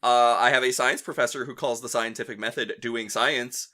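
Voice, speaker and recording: A man's voice: mid-range voice, fairly even intonation, moderate pace, pushed and bright. A young adult man hosting a casual podcast chat, talkative and swearing freely. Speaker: podcast host.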